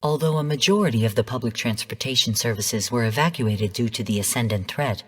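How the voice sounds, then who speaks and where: An actress voices a composed, coolly commanding AI that directs missions in a video game, giving formal, measured briefings in a composed, instructive mood. Her voice rumbles low and is slightly rough, trailed by long reverb.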